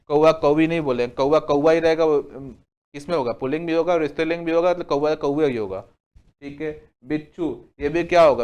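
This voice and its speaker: A young man teaching a Hindi grammar lesson, asking questions and answering them himself, saying "okay" again and again, and listing examples slowly word by word. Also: a little high, darkish tone. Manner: asks the class questions and answers them himself, repeats "ठीक है" often. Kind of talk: exam-prep grammar lesson.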